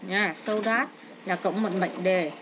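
A woman's voice: mid-range voice, measured pace. A middle-aged woman teacher explaining an exam step by step from home, with frequent hesitant fillers. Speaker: English teacher. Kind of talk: exam walkthrough lesson. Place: home with a child nearby. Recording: noisy home recording.

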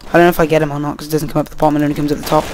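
A man's voice: fairly high pitch, level tone, racing, a little mellow, a little hiss or hum. Tired young man rambling over gameplay. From Wales. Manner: rambling, easily distracted, swears at the game. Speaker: gameplay commentator. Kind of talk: casual gameplay commentary.

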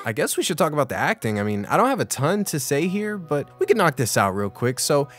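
A young man hosting a casual video review, excitable and swearing freely as he gives his opinions. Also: a little high, quick pace, soft background music. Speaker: YouTube reviewer.

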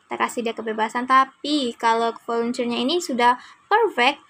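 A woman's voice: on the high side, a little fast, a bit bright. A young woman with an Indonesian accent teaching a class, encouraging her students and patiently correcting their pronunciation. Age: young adult.

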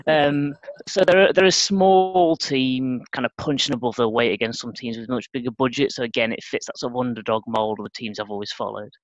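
A man's voice: medium pitch, a little fast, no echo. Dry-voiced middle-aged man, lo-fi call. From Sheffield, England. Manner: thoughtful, dry understatement. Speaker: guest. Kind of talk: casual interview chat.

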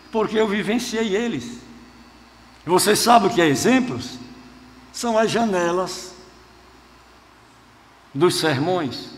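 A male pastor preaching a sermon, telling stories from his own life and swinging between hushed tones and rousing shouts. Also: sits high. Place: large church hall. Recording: long hall reverb, faint noise.

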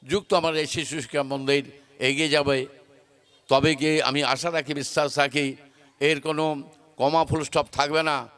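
A man's voice: a little high, fairly bright tone, clean tone. A man giving a formal guest speech at a school function, earnest and oratorical, with flowery phrases and repeated pledges.

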